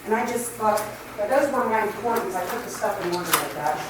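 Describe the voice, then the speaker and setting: In a council chamber, a woman resident gives public comment at a council meeting, rambling, scattered, and apologizing as she goes. Her mid-range voice is expressive and fairly quick, captured far from the mic in an echoey, noisy room.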